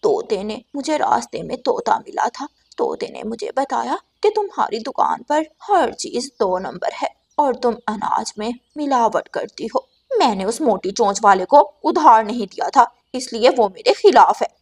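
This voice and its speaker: A woman voicing a stubborn, thrifty old grandmother sparrow in a cartoon, talking softly and grumbling. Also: fairly high pitch, very animated, a little slow, gravelly, husky, exaggerated voice. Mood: chatty. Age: older.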